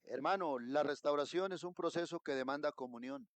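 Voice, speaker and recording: A man with a Colombian accent preaching a sermon in a church, his voice sitting a little on the high side. He tells his story in hushed asides and then rises into loud, emphatic calls to the people. The sound is close and dry, with hardly any room. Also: lively intonation, brisk, gravelly, dry recording. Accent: Colombian Spanish. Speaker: pastor.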